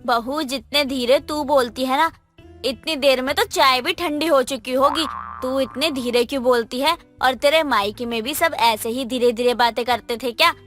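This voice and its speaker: An impatient, sharp-tongued mother-in-law nags and scolds, voiced by a woman. The voice is high-pitched, over faint background music in this animated tale. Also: normal speed. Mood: scolding. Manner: scolding, nagging. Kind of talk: animated moral story dialogue.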